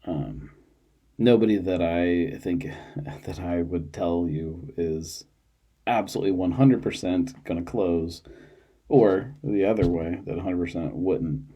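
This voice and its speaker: Tired, low-voiced man rambling casually. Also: slow, dark tone, husky. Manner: rambling, with many fillers and restarts. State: tired, yawning. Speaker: podcast host. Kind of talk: casual solo chat. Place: small podcast studio.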